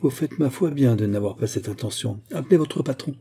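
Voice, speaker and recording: A hard, resolute vagabond, bitter and curt, as a male narrator puts him on. The voice sits noticeably higher than the reader's own, yet stays husky and dark. He speaks like someone who expects to be insulted and refuses to bow. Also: animated, fairly quick.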